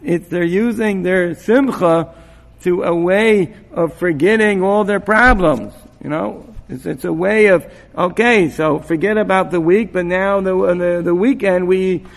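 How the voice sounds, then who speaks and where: A man giving an informal Torah talk to students, halting with many restarts and repeated words, and peppering his speech with Hebrew and Yiddish terms. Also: high-pitched, creaky, big-room sound. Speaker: rabbi giving a mussar talk.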